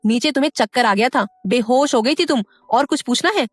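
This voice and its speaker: Woman voicing a gruff-tempered young man. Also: on the high side, brisk, dry recording, lightly acted. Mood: scolding. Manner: scolding, exasperated. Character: short-tempered young man, caring underneath.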